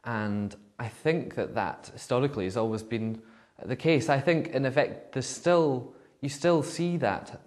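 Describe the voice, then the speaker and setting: A man's voice: mid-range voice, measured pace, hardly any pauses, darkish tone. A man giving considered, thoughtful answers as an interviewee. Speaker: vox pop interviewee.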